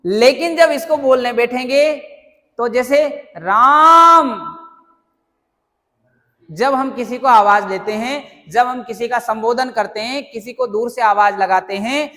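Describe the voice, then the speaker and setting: A man teaches a classroom grammar lesson in a fairly high voice. He keeps asking the students questions and then answers them himself. The room gives his voice a long, ringing reverb. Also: normal speed.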